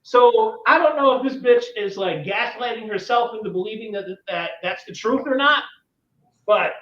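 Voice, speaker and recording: A man's voice: high voice, lively intonation, normal speed, fairly bright tone. A man in his thirties hosting a podcast, telling a story in an exasperated, profane rant. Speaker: podcast host. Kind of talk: ranting casual chat. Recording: echoey room, distant dull mic.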